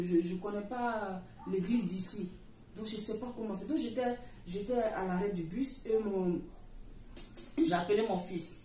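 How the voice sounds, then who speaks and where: A middle-aged woman gives a church testimony, her voice mellow and dark. She tells it earnestly and repeats herself often, restarting her sentences. She is heard from some way off the microphone in an echoing church hall, with faint noise behind her. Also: mid-range voice. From Africa. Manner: earnest, repetitive storytelling with many restarts. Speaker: church member giving testimony. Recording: roomy echo, far from the mic, faint noise.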